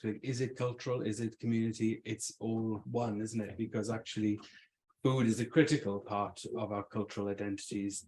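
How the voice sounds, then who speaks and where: A man's voice: on the low side, warm tone. A man from Swansea with a Welsh Swansea accent gives an informal public talk as an invited arts speaker, conversational and thinking aloud. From Swansea, South Wales.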